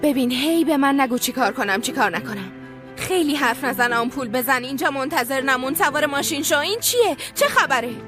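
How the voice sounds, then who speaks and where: A fiery young woman doctor, high voice, soft music behind, dubbed TV drama. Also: animated. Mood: indignant. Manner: sharp and indignant when angry. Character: proud, quick-tempered young woman doctor. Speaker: actress in a TV drama dub.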